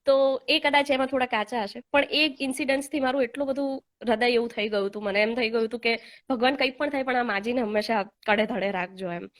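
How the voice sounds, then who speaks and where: Young woman host, heartfelt storyteller, fast talker, slightly high voice, hesitant fillers. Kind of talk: casual live chat, personal storytelling. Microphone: online live call.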